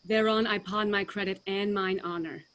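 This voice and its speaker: Woman playing the Earl of Warwick, mid-pitched. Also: steady tone, normal speed, a bit bright, lightly acted. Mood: earnest pledging. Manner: formal, earnest oratory. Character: Warwick, earnest noble English warrior earl, male. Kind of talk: staged reading of Shakespearean verse drama. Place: remote video call.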